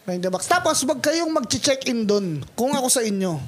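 A man's voice: very high voice, sing-song, moderate pace. A young man hosting a casual podcast chat, laid-back and slangy, laughing often. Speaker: podcast host.

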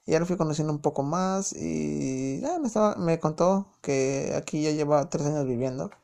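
A man's voice: a little high, lively intonation, moderate pace, gravelly, dark tone. A young man from Mexico City with a chilango accent, casually telling a personal story in a chatty, joking way full of slang fillers. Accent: Mexico City Spanish. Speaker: podcast host.

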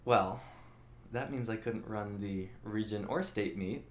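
A man's voice: on the low side, measured pace. A young man hosting his own channel, telling a long story in a rambling, self-mocking way and acting out what people said. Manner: rambling, animated, self-mocking, acts out quotes. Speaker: channel host. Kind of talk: casual storytelling monologue. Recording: roomy echo.

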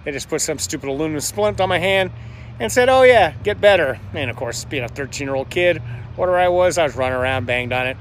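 Speaking fast in a slightly high voice, a vlogger in his fifties from Georgia, US, shares a casual story to a handheld camera he's holding outside his house. He rambles and chats, filling in with fillers and self-corrections, while faint street and construction noise plays in the background.

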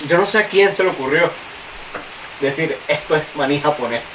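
A man's voice: a little high, normal speed, recorded from a distance. A young man co-hosting a podcast, clowning around and laughing a lot. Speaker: podcast co-host. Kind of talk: casual chat. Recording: roomy, off-mic, noisy.

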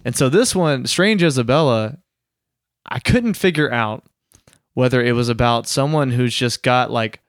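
Young guy rambling about music on a podcast, smooth clear voice, dry close mic. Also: medium pitch, measured pace, dry recording. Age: young adult. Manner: relaxed, rambling explanations with fillers. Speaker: podcast co-host. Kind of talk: casual chat.

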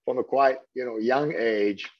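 Speaking at a measured pace in a medium pitch, a middle-aged hotel general manager from Switzerland fields interview questions. French is his first language, and his answers are packed with fillers and false starts. The audio sounds dull and lo-fi.

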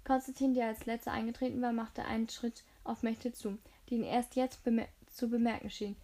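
A woman's voice: a little high, flat delivery, fairly quick, dark tone. A woman reading a novel aloud, with frequent slips and restarts. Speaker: audiobook reader.

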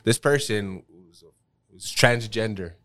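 A man's voice: lowish voice, takes it slowly, fairly bright tone. Rambling laid-back podcast man. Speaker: podcast co-host. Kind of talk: casual chat.

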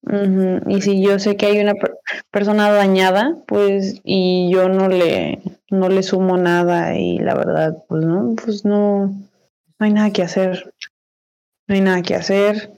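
A woman in her twenties with a Mexican Spanish accent co-hosts a podcast, keeping the chat loose and slangy while repeating herself and laughing a lot. Her voice sits at medium pitch with little movement, and she speaks at a measured pace in a warm tone.

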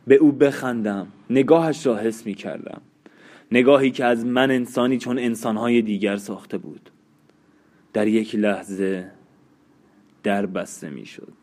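A man narrates a literary audiobook in a measured, sombre way. His voice sits somewhat low, and he lets pauses hang between phrases. The reading is steady and unhurried throughout.

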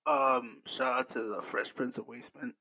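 A man's voice: medium pitch, wildly swooping pitch, normal speed, vocal fry, pushed and bright, husky, dry recording. A man, joking and teasing in slangy casual banter as a podcast co-host.

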